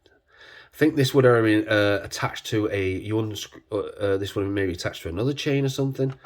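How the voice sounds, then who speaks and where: A man congested with a cold, talking casually and hesitantly as he hosts a hands-on demonstration, his voice husky from man flu. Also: fairly low pitch, fairly quick. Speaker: video host.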